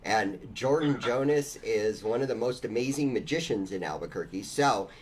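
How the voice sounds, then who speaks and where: A man's voice: on the low side, expressive, moderate pace, husky. Upbeat man hosting a call-in show. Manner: upbeat, laughs often. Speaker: host. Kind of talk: casual live call-in chat.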